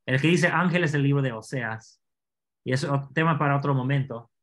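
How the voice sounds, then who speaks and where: A man teaching an online scripture class, explaining Hebrew words slowly and asking his students questions. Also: mid-range voice, fairly bright tone.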